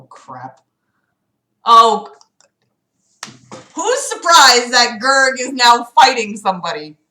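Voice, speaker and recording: Her pitch is fairly high and her tone pushed and bright, with plenty of reverb around it. As a livestream host, she reads a book aloud in mockery, throwing sarcastic, irritated commentary and casual profanity at the live chat.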